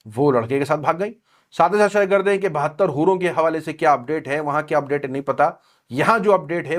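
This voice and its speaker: A man hosting a news commentary channel, running through the headlines in a sarcastic tone. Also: fairly high pitch.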